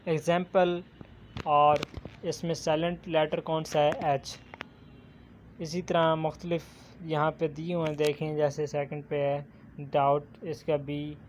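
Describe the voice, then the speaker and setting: A man teaching a recorded textbook lesson. He reads English phrases slowly, then explains them. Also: a little high, little pitch movement, a little hiss or hum.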